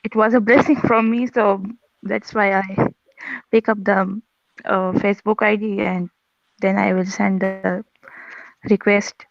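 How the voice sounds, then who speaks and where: A woman in her twenties with a Pashto-influenced Pakistani accent speaks halting, nervous English. Her voice has a gravelly creak, and the sound is dull and dry, like a lo-fi call. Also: medium pitch, flat delivery, no room sound. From Peshawar, Pakistan. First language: Pashto and Urdu. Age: 20s. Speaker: caller, university student. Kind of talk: casual conversation practice.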